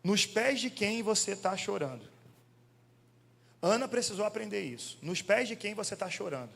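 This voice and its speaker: A male pastor preaching a sermon in an animated, conversational way, firing questions at the congregation. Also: sits high, normal speed, vocal fry. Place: church hall. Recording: long church hall reverb.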